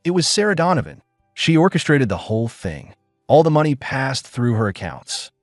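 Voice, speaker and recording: Man playing a swindler, arrogant, shrill, frantic, lively pitch, dry sound. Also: brisk, no room sound, faint music behind, natural voice. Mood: accusing. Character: arrogant male swindler, ranting and shrieking.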